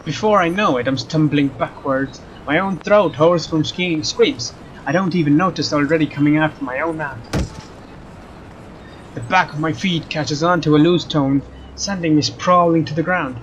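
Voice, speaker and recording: A young man with a slightly high, dull-sounding voice narrates gameplay as a let's player at normal speed. He reads dramatically and adds casual commentary through a slightly dull mic, with faint game music and a little background noise behind him.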